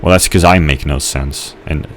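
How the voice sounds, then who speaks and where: Man, extremely low voice, rambling gameplay commentary, hesitant fillers, faint hum behind. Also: steady tone, moderate pace. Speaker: gamer narrating his gameplay.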